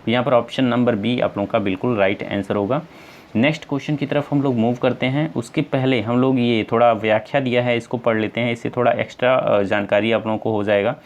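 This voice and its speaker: A man's voice: medium pitch, fairly even intonation, fairly quick, lo-fi sound. A man with a North Indian Hindi accent teaching an exam-prep lesson, explaining step by step and answering his own questions. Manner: addresses viewers as friends, many fillers.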